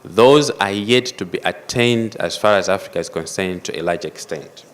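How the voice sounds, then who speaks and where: A man giving a formal panel address, measured and emphatic, stressing key phrases as he goes. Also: low-pitched. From Malawi. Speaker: panel speaker.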